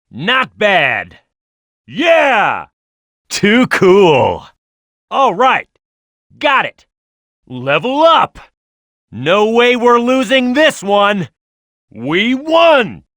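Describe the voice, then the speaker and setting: A man's voice: high voice, fairly bright tone, no echo, studio quality, heavily acted. A man voicing a tough, cocky, hot-headed young echidna fighter in a video game, with a brash, punchy, confident delivery. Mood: pumped up. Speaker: playable video game character.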